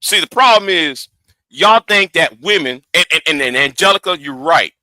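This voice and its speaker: A man in his forties runs a heated livestream, speaking in a high, piercing, bright voice. He stammers, doubles back and repeats words as he pushes his point. The sound is close and dry, with no room around it. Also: moderate pace, no echo. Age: 40s. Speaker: livestream host.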